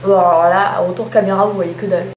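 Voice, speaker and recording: A young beauty vlogger runs through a lipstick haul in a casual, chatty way, tossing in playful jokes at her own expense. Her mid-range voice stays flat and moves fast. The room is echoey, with a faint hum in the background.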